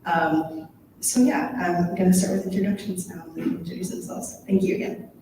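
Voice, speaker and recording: A woman's voice: fairly low pitch, fairly even intonation, normal speed. A young woman around twenty, moderating a panel in a small room, friendly with many ums. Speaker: conference coordinator and moderator. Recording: echoey room from far off with noise.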